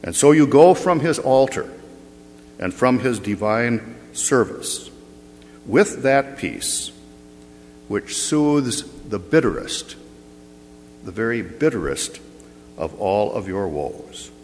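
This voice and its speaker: Slow-preaching man in cathedral echo. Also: medium pitch, big pitch swings, a little mellow. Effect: long cathedral-like echo. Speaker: pastor. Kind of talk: sermon. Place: large church sanctuary. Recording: reverberant church hall, faint hum.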